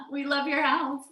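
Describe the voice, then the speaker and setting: A woman's voice: high-pitched, fairly bright tone. A woman filmmaker talking casually in a festival question-and-answer session, restarting sentences and laughing often. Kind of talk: festival Q&A conversation. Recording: roomy echo.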